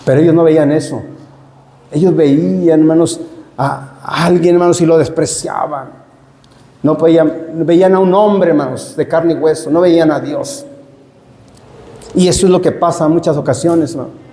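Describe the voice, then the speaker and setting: Pastor for a sermon: a man with a high voice, emphatic and repetitive, who keeps calling the congregation "brothers", in a church hall with a long echo. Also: steady tone, moderate pace, dark tone.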